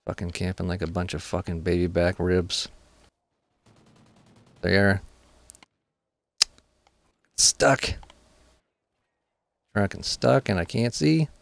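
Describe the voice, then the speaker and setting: A man with a low, gravelly voice runs a steady stream of frustrated, profane gameplay commentary. His talk is casual and close to the mic. The sound is dry, with no room echo. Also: slow pace, long pauses. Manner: frustrated, profane running complaints.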